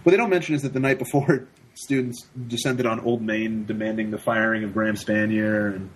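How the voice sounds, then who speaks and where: A man's voice: on the low side, fairly even intonation, brisk, a little hiss or hum, poor audio. A young man, a university student, talking as a guest on a casual podcast, often repeating words as he searches for what to say. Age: young adult. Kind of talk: casual conversational interview.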